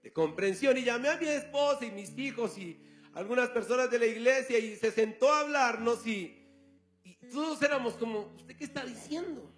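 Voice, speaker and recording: A man's voice: extremely high pitch, normal speed, faint music behind. A male pastor preaching a sermon, telling a story and acting out the dialogue. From Colombia.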